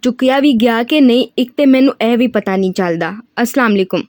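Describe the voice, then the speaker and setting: A woman's voice: on the high side, normal speed, a little mellow, no echo, clean studio sound, natural voice. A woman voicing a rustic, scolding Punjabi mother with a Punjabi accent and a thickened voice in an audiobook reading of a novel.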